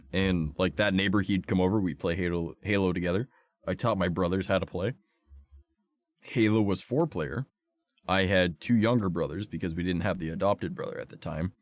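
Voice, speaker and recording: Low-voiced young man with a sore throat. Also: normal speed, dry recording. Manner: rambling, profane storytelling full of "like". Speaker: streamer. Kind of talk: casual chat to stream viewers.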